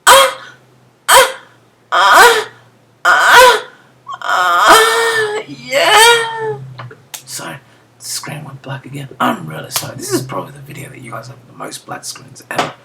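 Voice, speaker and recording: Animated and a little fast, a mid-range voice with vocal fry explains a beatbox technique one step at a time, casually asking "right?" and whispering soft asides. There's a little hiss or hum in the audio.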